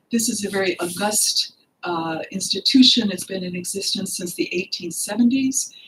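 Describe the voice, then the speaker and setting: An older woman with a gravelly, medium-pitched voice speaks at a podium microphone in an indoor library hall lined with bookshelves. She is an author giving a lecture at her book launch, earnest and expressive, with frequent pauses and fillers. The low-quality recording has slight background noise.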